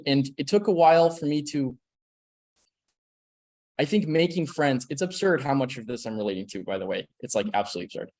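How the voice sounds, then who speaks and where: A man's voice: mid-range voice, a little mellow. Candid young man sharing his story. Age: 20s. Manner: candid, reflective, many fillers like "like". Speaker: actor on a panel. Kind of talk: personal sharing on a panel.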